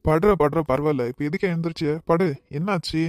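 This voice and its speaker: A man voicing a worried, affectionate father in a cartoon, talking to his daughter in a soft, pleading way. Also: on the high side, fairly quick, dry recording, studio quality, close to an everyday voice. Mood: tender.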